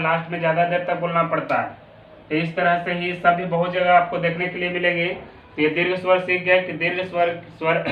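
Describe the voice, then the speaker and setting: High-voiced male teacher in an echoey room. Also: a little hiss or hum. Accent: Bihari Hindi. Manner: repeats definitions slowly, drawing out sounds. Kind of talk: classroom lesson. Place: classroom. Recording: echoey room, distant tinny phone-like mic.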